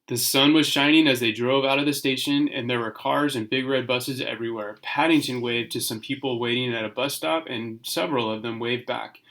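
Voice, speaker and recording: A man reads a storybook aloud to kids in a bright, forceful voice. He acts out the story for his young listeners, occasionally tripping on a word and going back over it. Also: medium pitch, fairly even intonation, fairly quick, few pauses. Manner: stumbles over words and rereads them. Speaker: storybook reader.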